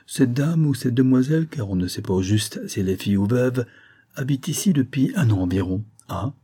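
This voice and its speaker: Man doing a chatty young printer's boy, raised voice, husky, gossiping. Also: mid-range voice, expressive, brisk, mellow, voice pushed up. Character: young male apprentice printer, cheeky and curious.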